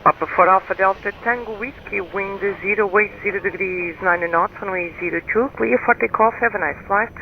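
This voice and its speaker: Male air traffic controller: high voice, clipped procedural delivery, dull radio transmission. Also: a little fast, hardly any pauses. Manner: clipped, procedural, reading digits one by one. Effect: aviation radio transmission. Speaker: airport tower controller. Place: airport control frequency, heard over radio. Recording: dull aviation radio with faint noise.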